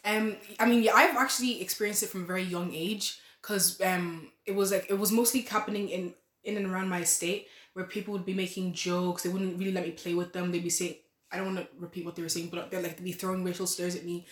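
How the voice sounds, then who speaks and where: A woman's voice: lowish voice, steady tone, fast talker. An eighteen-year-old nursing student talks as a guest on a podcast, rambling and restarting as she thinks. Her voice carries a roomy echo. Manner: rambling, restarts, soft laughs. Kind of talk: casual interview chat.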